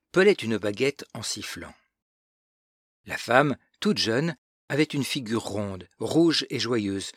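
A man narrating a novel in a measured literary reading, as an audiobook narrator. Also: mid-range voice, a bit bright, no echo, studio quality.

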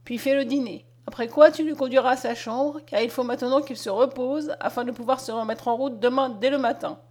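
A kindly old doctor, read by a woman in a storybook, calm and fatherly. He speaks in a gently firm, soothing way, in a voice on the higher side. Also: brisk.

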